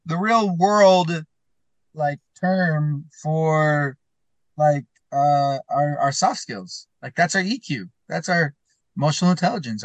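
A man's voice: a little high, fairly bright tone, no room sound. A male podcast host chatting casually from his van, his voice sounding tinny through a laptop's built-in mic, often restarting his sentences. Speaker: podcast host, school counselor. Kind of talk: casual chat. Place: inside his van while traveling.

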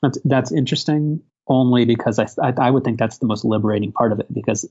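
A man co-hosting a casual podcast in a hesitant, halting way, repeating words, over a low-quality internet call. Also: fairly even intonation, a little mellow, slightly rough, muffled recording. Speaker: podcast co-host. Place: hotel room, remote call.

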